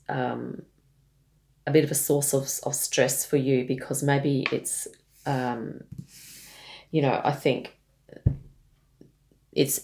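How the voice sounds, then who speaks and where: A woman giving a tarot reading, addressing the listener gently, with frequent fillers and restarts. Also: a bass voice. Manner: hesitant, many fillers and restarts; gentle, speaks directly to the listener. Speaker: tarot reader.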